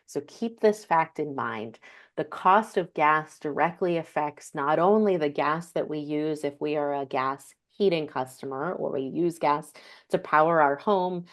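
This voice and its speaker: A woman with a low-pitched voice walks an audience through a slide presentation. She explains step by step and often pauses on an um or corrects herself mid-sentence. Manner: explanatory, frequent ums and self-corrections. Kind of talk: slide presentation on energy costs.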